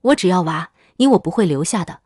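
A woman's voice: on the low side, expressive, brisk, a little mellow, breathy edge, no echo, studio quality. A woman voicing a desperate village wife who begs a captive to bear her a son. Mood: pleading. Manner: pleading, wheedling.

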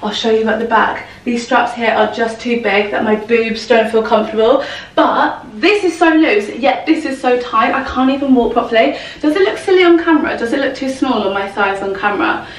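A woman's voice: on the high side, moderate pace. A young woman vlogger gushing about her outfits as she sorts clothes at home. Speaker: fashion vlogger. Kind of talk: casual styling chat to camera. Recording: roomy echo, distant from the mic.

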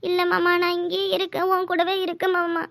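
A woman's voice: very high-pitched, completely flat delivery, fairly quick, vocal fry, fairly bright tone, dry recording, studio quality, heavily acted. A woman voicing a sick, weak young wife in a cartoon, talking feebly with a southern Tamil Nadu accent. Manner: feeble, tired. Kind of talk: cartoon voice acting.

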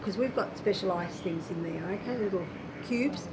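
A woman's voice: mid-range voice, moderate pace, over a noisy crowd. An older woman, a hospital staff member, explaining things casually, picked up off-mic by a camera. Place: hospital recovery area. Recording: very noisy, off-mic camera audio.

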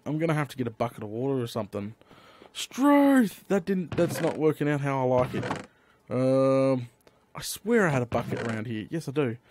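A man giving chatty, excitable Let's Play commentary, talking to himself as he builds and bursting into eager exclamations. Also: mid-range voice, a little hiss or hum. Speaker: gaming YouTuber.

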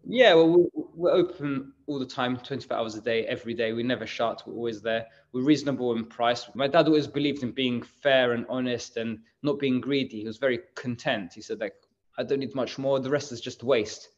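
A man's voice: mid-range voice, fairly quick, hardly any pauses. Guy chatting in an interview, lots of "like" and "you know", bit muffled sound. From England. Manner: chatty, rambling explanations with many fillers. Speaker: bakery managing director. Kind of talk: casual interview answers.

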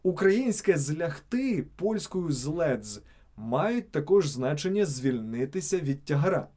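A man's voice: a little high, sing-song, slow pace, darkish tone. A man reading scripted narration for a video channel, stressing each example word on its own.

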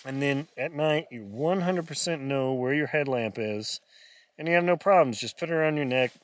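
A camera inside a small tent captures a middle-aged solo winter camping vlogger offering folksy, casual how-to talk while he fiddles with gear. His voice is medium-pitched at normal speed, with no echo.

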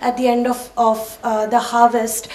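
A woman's voice: on the high side, flat delivery, measured pace, darkish tone. Hesitant woman asking from the audience. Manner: hesitant, many ums and uhs. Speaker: audience member asking a question. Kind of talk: audience question. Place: auditorium audience. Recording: echoey hall, heard from far off.

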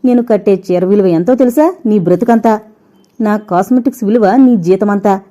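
A woman's voice: mid-range voice, mellow, natural voice. A woman doing a haughty rich young woman. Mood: scornful. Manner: haughty, cutting, quick. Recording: dull lo-fi recording.

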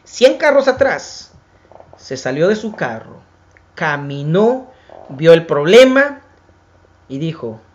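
A preacher who also hosts a program delivers a dramatic sermon, calling his listeners brothers and building long repeated lists. He swings from raised, emphatic lines to hushed, drawn-out near-whispers. His fairly high voice is very animated, and the highs are cut off in the audio.

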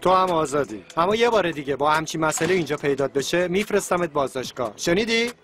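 A man's voice: on the high side, animated, music in the background, close to an everyday voice. A man playing a stern police captain. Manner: stern and scolding. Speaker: police officer. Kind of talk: dubbed TV drama dialogue.

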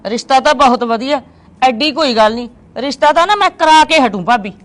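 A woman's voice: high-pitched, animated, fairly quick. A woman playing a middle-aged aunt who is insistent and indignant, in an amateur drama. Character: scheming aunt set on arranging a match.

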